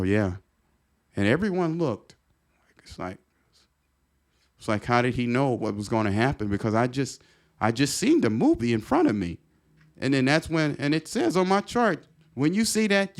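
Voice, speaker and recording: Middle-aged guy on a podcast, lowish voice, earnest, keeps repeating himself and restarting lines. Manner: earnest, repetitive, with halting restarts. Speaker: podcast guest. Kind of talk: personal storytelling in conversation.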